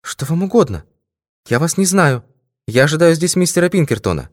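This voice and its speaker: A man's voice: fairly high pitch, sing-song, brisk, dry recording, studio quality, voice pushed up. A male audiobook reader voicing an anxious, earnest young woman in a raised voice. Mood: alarmed. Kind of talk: audiobook character voice.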